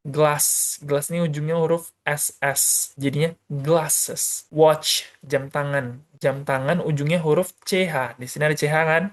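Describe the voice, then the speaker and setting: A male teacher giving a beginner grammar lesson, explaining step by step in a casual, chatty way and asking questions he answers himself. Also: on the high side. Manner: casual and chatty, uses many fillers. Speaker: English teacher.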